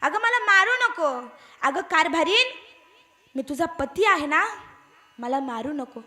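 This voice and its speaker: A woman's voice: very high voice, animated, slow, pushed and bright, exaggerated voice. A woman voicing an old man reborn as a mouse, frantically pleading with his family not to beat him. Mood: frantic pleading.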